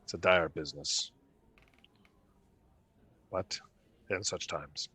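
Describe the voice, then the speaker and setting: A man's voice: low voice, steady tone, takes it slowly, pushed and bright, breathy edge, full character voice. A man voicing a polite, wary human innkeeper in a tabletop game, with courteous, slightly nervous speech. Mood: hushed.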